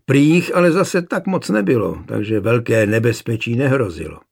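A man voicing a gruff, rebellious soldier who grumbles defiantly, in a gravelly, husky voice. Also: mid-range voice, sing-song, exaggerated voice. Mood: grumbling.

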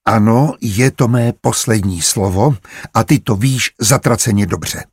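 A man voicing a gruff stubborn farmer. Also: fairly low pitch, no room sound, clean studio sound. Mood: defiant. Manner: gruff, curt and hostile. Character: stubborn, grumbling male farmer and merchant.

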